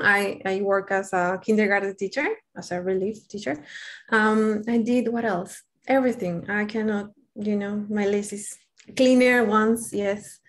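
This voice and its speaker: A young Peruvian woman speaks English with a Spanish accent, her first language showing through. She talks candidly and chattily as an interview guest, often poking fun at herself, in a medium-pitched voice. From Peru. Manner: candid, chatty, self-deprecating. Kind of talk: casual interview chat.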